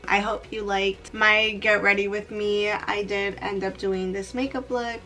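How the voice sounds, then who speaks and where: A young woman telling a get-ready-with-me storytime, animated and laughing, slipping into Spanish now and then. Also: medium pitch, unhurried, faint music behind. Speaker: beauty vlogger.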